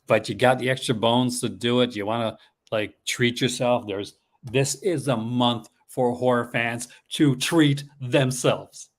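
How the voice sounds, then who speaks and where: Rambling, excitable Newfoundland man. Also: mid-range voice, measured pace. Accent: Newfoundland Canadian. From Newfoundland, Canada. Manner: rambling, excitable, chuckles often. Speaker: horror movie collecting channel host. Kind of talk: casual livestream chat.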